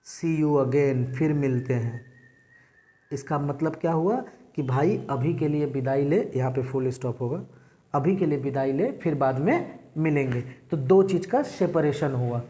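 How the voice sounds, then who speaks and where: This male teacher's voice is a little high and darkish in tone as he lectures a class on English words. Again and again he asks if everyone has understood.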